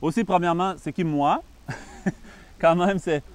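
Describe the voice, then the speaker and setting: A Canadian Buddhist monk with a Québécois French accent gives a calm, patient introductory talk on meditation, pausing often. His voice is on the high side, clear and resonant.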